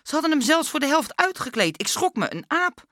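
An excitable father bursts out in loud exclamations, as a woman reading aloud puts him on. His voice sits high and bright. The recording is close and dry. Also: fairly quick, no echo. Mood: excited. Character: excitable grown man, a boy's dad.

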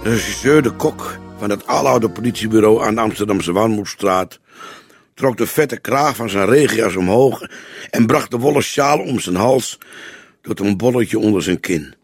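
A man narrating a crime novel as an audiobook reader, in measured storytelling style. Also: fairly low pitch, lively intonation, slightly rough, dry recording, studio quality, soft background music. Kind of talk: scripted narration.

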